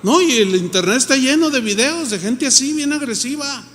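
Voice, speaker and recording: A man's voice: very high voice, lively intonation, normal speed, fairly bright tone. A man with a Mexican Spanish accent preaching a sermon as pastor, in a conversational style that acts out the voices of the people he quotes. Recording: reverberant hall.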